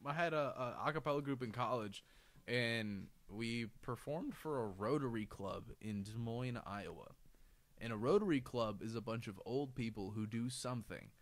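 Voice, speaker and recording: A man's voice: medium pitch, normal speed. A young adult man, a podcast guest, chatting casually and rambling, often laughing between words.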